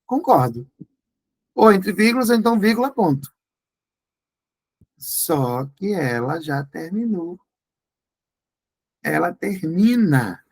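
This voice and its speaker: Gravelly Brazilian man teaching grammar. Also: sits high, big pitch swings, slow pace, pauses often, darkish tone, low-quality recording. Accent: Brazilian Portuguese. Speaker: Portuguese exam tutor. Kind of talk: exam review class.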